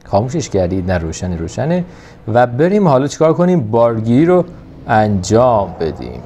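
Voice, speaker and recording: A man giving casual, excited commentary over a mobile truck game, coaxing the truck along. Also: mid-range voice, a little hiss or hum. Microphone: phone recording.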